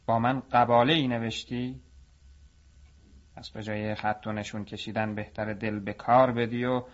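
A man's voice: medium pitch, level tone, lightly acted. Greedy master potter, as a male narrator plays him, cool, mocking, storybook, dull lo-fi audio. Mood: scornful. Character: greedy cunning master potter, older man.

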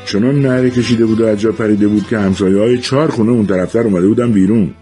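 A man voicing a tired older mother who calmly defends her husband to her sons, in a storybook reading. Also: fairly low pitch, faint music behind, pitched above the performer's own voice, close to an everyday voice. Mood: recounting. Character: weary old mother, patient and defending.

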